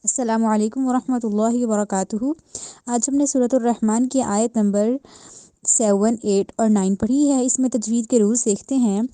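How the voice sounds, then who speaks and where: A patient woman teaching Quran recitation, explaining each letter's sound step by step. Her voice is fairly high but darkly mellow, recorded close and dry with no room around it. She repeats points and checks in often. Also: steady tone, dry recording. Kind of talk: tajweed lesson with slow drawn-out recitation.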